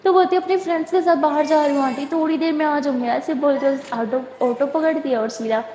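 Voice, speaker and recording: High-voiced chatty woman storyteller. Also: dark tone, a little hiss or hum. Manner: chatty, with filler "نا". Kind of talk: casual storytelling narration. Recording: echoey room with long reverb.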